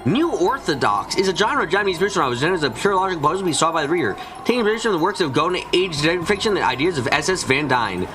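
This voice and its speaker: With background noise and music behind them, a streamer reads a mystery game aloud as fan dub narration. Their medium-pitched, sing-song voice races along with hardly any pauses, with small stumbles and rereadings.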